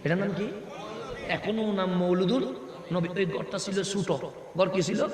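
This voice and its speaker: A man preaching a sermon, asking his audience questions and answering them himself, building up to loud shouted peaks. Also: high voice, steady tone, unhurried. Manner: call-and-response questions to the crowd, rising to shouts. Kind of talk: sermon at a religious gathering. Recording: echoey hall with long reverb.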